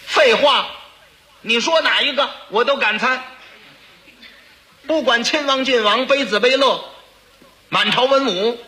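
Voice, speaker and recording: A man's voice: extremely high pitch, a little slow, long pauses, pushed and bright, pitched above the performer's own voice, heavily acted. A man voicing a blunt, fearless minister who boasts emphatically. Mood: boastful. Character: bold blunt male minister, unafraid and cocky.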